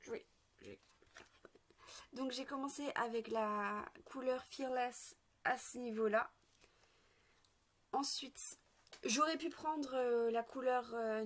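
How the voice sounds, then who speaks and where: A woman chatting through a casual makeup tutorial, hesitant with lots of fillers, a bit sick. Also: fairly high pitch. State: sick, occasional coughing. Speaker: makeup vlogger.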